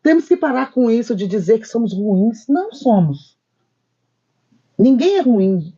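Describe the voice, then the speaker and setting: A woman's voice: sing-song, unhurried, warm tone, husky, highs cut off. A woman co-hosting a spiritist discussion program, speaking emphatically and telling stories with quoted dialogue. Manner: wide swings of pitch when stressing points. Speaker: co-host.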